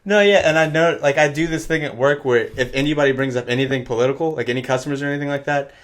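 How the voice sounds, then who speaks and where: A young man co-hosting a podcast, swearing and rambling loudly in casual chat. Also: mid-range voice, rapid-fire. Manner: swearing, rambling, loud on purpose. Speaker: podcast co-host.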